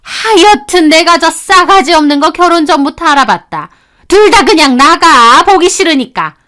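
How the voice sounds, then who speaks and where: A woman voicing a shrill scolding mother-in-law. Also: animated, normal speed, sharp tone, heavily acted. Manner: scolding, contemptuous. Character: nagging older mother-in-law, sharp-tongued.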